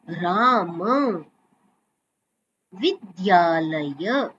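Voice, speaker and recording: A woman's voice: high voice, a bit bright, dull audio, a little hiss or hum. A woman teaching a Sanskrit class over a video call, explaining points and reciting verses while she carefully stretches sounds to show how to say them.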